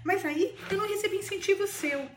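A woman's voice: very high-pitched, fairly quick, echoey room, a little hiss or hum, voice pushed up. Woman reading as a brooding young male musician with a Brazilian accent. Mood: pleading. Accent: Brazilian Portuguese.

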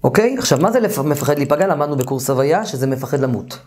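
Animated man giving an informal lecture. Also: fairly high pitch. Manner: animated, acts out therapy dialogues with raised voice; trails off and restarts sentences often. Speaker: therapy course lecturer.

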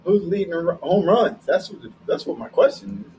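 A man co-hosting a podcast, delivering an energetic, preachy pep talk with repeated catchphrases. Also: high voice, a little fast, vocal fry, faint music behind, low-quality recording. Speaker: podcast co-host. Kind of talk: hyped promotional pep talk.

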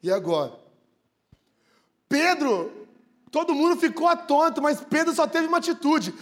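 Very high-voiced Brazilian preacher. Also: male voice, animated, normal speed, a bit bright. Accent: Brazilian Portuguese. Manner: humorous, conversational, acts out scenes. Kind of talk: sermon.

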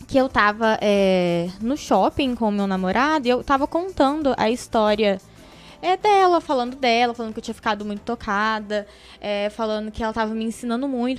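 A young adult woman, a podcast guest, telling a personal story in an animated, emotional way. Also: on the high side. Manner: animated, emotional storyteller who acts out quoted voices.

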